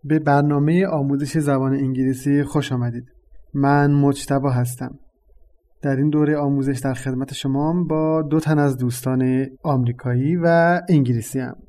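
Mellow-voiced man teaching a lesson. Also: mid-range voice, steady tone. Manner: measured, explanatory teaching tone. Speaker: language teacher and host. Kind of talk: explaining a lesson.

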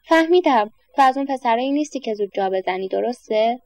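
A kindly grown man with a walking stick, read by a woman storyteller, quizzing a boy before cheering him on. The voice sits higher than usual and rings out. The sound is close and dry. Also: animated, a little mellow, no echo. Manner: questioning, teasing, then encouraging.

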